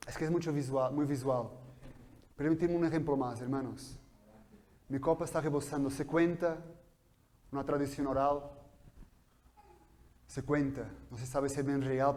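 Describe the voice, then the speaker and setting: A pastor preaches a sermon in a church hall, his Spanish carrying through as he swings between quiet explanation and loud, fervent passages. His voice is medium-pitched.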